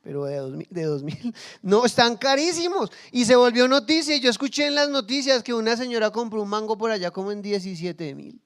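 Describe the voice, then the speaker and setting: A pastor delivers a sermon in a high, clear and resonant voice. He is playful, slipping into quick impressions of everyday people to make his point. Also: animated, fairly bright tone. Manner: humorous, acts out everyday scenes in quoted voices.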